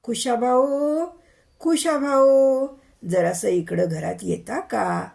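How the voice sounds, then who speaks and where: A woman voicing a rustic village wife with a Varhadi Marathi accent, calling out in slow, drawn-out pleas. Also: medium pitch, expressive, gravelly, a little mellow, exaggerated voice. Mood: pleading. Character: rustic village wife, worried then wailing.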